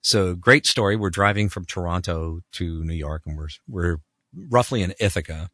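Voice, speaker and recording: A man who voices characters, telling animated anecdotes and acting out other people's voices. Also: moderate pace, no room sound, clean studio sound. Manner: acts out other people's voices with big pitch jumps. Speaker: voice actor guest.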